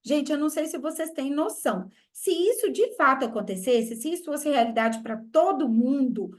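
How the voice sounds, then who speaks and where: High-pitched teacher lady w/ a minas accent, lots of rhetorical questions, really emphatic. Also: expressive, normal speed. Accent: Minas Gerais Brazilian Portuguese. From Brazil. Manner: emphatic, repeats key phrases, asks rhetorical questions. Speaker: English teacher. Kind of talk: online masterclass lesson.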